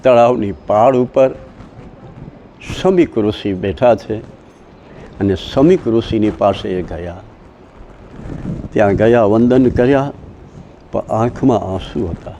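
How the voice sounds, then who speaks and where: A man with a Saurashtra Gujarati accent delivers a devotional sermon slowly, in a mellow, unhurried voice. His telling swings between loud, dramatic exclamations and soft asides. A faint hum of noise and passing vehicles sits behind him. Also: on the low side, expressive. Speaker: devotional storyteller. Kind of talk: religious discourse with chanting. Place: outdoor village satsang gathering.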